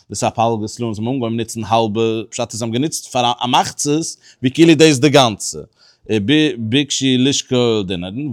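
A man teaching a Talmud study lesson, explaining step by step in a halting way with many restarts and pauses. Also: medium pitch. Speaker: religious teacher.

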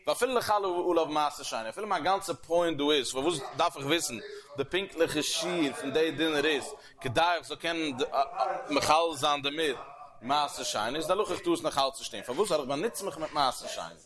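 Animated man giving a Talmud lecture. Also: a little high, brisk. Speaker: religious teacher. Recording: crowd heard behind the voice. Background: crowd murmur.

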